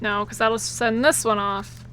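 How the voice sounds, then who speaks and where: A woman's voice: fairly high pitch, level tone, measured pace, a bit bright, slight background noise, poor audio. A woman livestreaming a video game with casual commentary and a cute, bubbly anime-streamer delivery.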